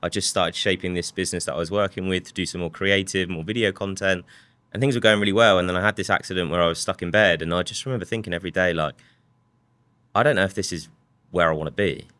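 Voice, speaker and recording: A man's voice: sits low, fairly even intonation, racing, bright, forceful tone, clean tone, no room sound. A man, a company co-founder, telling his story in a casual, reflective interview with frequent restarts. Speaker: guest, software company co-founder.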